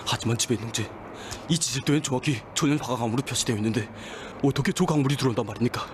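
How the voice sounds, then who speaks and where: An actor playing an earnest young engineer who argues insistently. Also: male voice, mid-range voice, very fast, noisy background, close to an everyday voice. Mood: frustrated. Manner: insistent, arguing.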